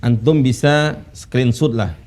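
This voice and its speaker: A man teaching Quran recitation rules, patiently drilling students with slow, drawn-out recited phrases. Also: mid-range voice, a little mellow. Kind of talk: tajwid lesson with recitation drills. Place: classroom studio with whiteboard.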